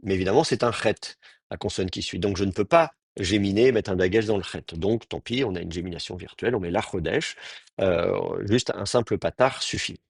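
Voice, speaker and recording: A man's voice: low-pitched, fairly quick, vocal fry, breathy edge, no room sound, clean studio sound. A man teaching an advanced Hebrew class, explaining grammar step by step with many fillers and restarts.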